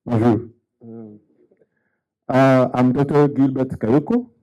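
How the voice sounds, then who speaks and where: A man from the Democratic Republic of Congo giving a measured, hesitant graduation testimonial. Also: medium pitch, steady tone, mellow, highs cut off. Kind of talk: unscripted ceremony speech.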